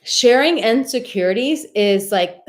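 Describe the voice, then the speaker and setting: A woman of Czech heritage hosts a live dating advice stream, reading viewer comments in a warm, affectionate, chatty way with many filler words. Her soothing voice is fairly high-pitched, with lively intonation and a measured pace.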